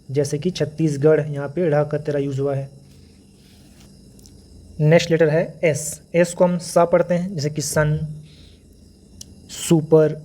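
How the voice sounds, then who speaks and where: A man's voice: fairly high pitch, a little mellow. A man teaching English letter sounds, explaining patiently and repeating each example word. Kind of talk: phonics lesson.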